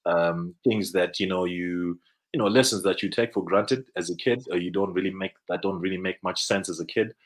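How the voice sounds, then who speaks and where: A man's voice: sits low, fairly quick, low-quality recording. A Zimbabwean man in his thirties with a Zimbabwean accent, a business guest telling stories on a video call, rambling with restarts and fillers. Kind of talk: casual interview storytelling. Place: indoor room, video call. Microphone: video call webcam.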